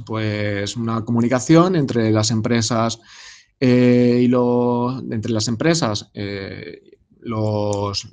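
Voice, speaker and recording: Hesitant man giving a talk. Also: mid-range voice. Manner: hesitant, many fillers and restarts. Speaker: speaker presenting his startup. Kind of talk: informal presentation talk.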